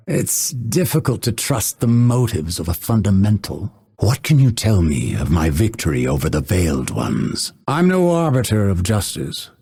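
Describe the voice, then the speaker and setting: A male voice actor performs video game lines as a proud, scholarly assassin, fully in character. The delivery is low, husky at the edges, and expressive yet measured, with haughty, formal phrasing. He comes across as aloof, coolly menacing, and dryly witty.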